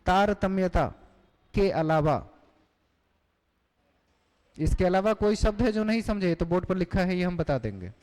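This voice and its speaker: A man's voice: high voice, animated, a little slow, pauses often, a little mellow. A male teacher giving a classroom lecture, explaining terms and putting questions to the class. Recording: long hall reverb.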